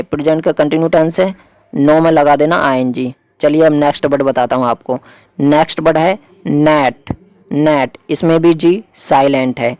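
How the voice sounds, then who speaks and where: A man teaching vocabulary in Hindi, slowly spelling out each example sentence. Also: medium pitch, darkish tone, no echo. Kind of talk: explaining lesson.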